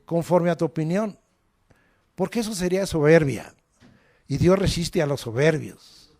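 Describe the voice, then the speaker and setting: A man's voice: fairly high pitch, unhurried. A male preacher, telling dramatic stories in a sermon and acting out the people in them. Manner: dramatic storytelling, acts out voices, shouts at climaxes.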